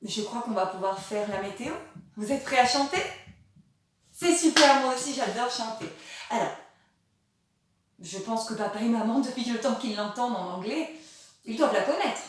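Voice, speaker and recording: A woman teacher talking slowly and patiently to young children, switching between French and English and asking exaggerated questions. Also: a little high. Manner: sings nursery songs. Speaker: kindergarten teacher. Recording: very echoey room, voice from a distance.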